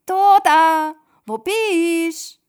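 Brief: woman playing a worried father, anxious calls and whispers, husky. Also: mid-range voice, brisk, lightly acted. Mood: calling. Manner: calls out loudly, then whispers anxious questions. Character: worried father searching for his sister at night.

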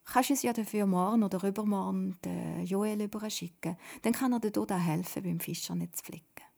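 A woman voicing a calm Swiss German father. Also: mid-range voice, fairly quick, creaky. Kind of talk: whispered role-play.

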